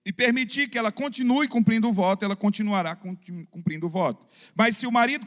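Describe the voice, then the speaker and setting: A Brazilian pastor delivers a fervent sermon and keeps calling for an "amém?" from the congregation. His voice sits high for a man. The long reverb of a church sanctuary trails after each phrase. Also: fairly bright tone. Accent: Brazilian Portuguese. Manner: fervent preaching with "amém?" call-and-response.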